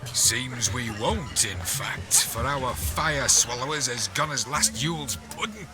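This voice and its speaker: A man's voice: mid-range voice, lively intonation, slow pace. An actor playing a mild, long-suffering peasant husband and father in a video game, wry and placating. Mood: wry, soothing. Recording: music behind the voice.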